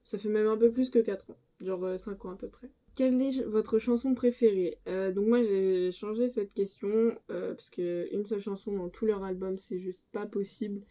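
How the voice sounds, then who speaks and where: A woman's voice: medium pitch, steady tone, normal speed, few pauses, mellow. A teenage girl vlogging casually from her room, answering tag questions in a chatty, hesitant way with many filler sounds and restarts. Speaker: book and music vlogger. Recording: dull lo-fi sound.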